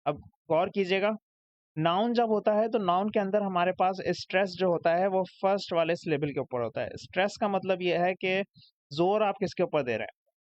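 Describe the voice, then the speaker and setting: Young male tutor, Pakistani accent, high voice, step-by-step explainer; dry, slightly muffled recording. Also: moderate pace, no echo. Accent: Pakistani Urdu. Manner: explains step by step, checks "ठीक है?" after each point. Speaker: English tutor. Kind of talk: recorded lecture over slides. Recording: dry, dull lo-fi sound.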